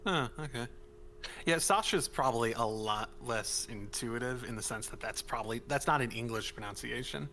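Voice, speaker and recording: A man's voice: medium pitch, moderate pace, pushed and bright, slight background noise. A man in casual chat on a game stream, explaining his thoughts at length. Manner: explanatory, musing on word sounds. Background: game music.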